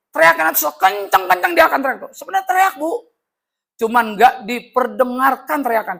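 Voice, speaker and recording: Animated high-pitched male religious teacher. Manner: animated, joking, acts out quoted voices. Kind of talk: lively classroom lesson with jokes.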